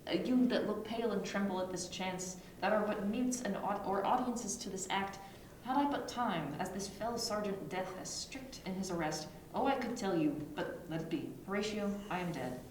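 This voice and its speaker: A woman's voice: on the low side, normal speed. A woman voicing a bitter, dying young prince in an amateur read-through of a Shakespeare play, fading yet urgent, sometimes stumbling over the lines. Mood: weary, fading. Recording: echoey room, distant mic, noisy.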